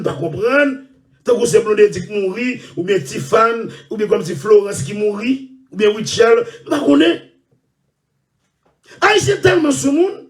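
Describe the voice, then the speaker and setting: A man hosting an online show, ranting loudly and repeating himself. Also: high voice, distant mic. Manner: shouting, loud and repetitive. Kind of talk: impassioned rant.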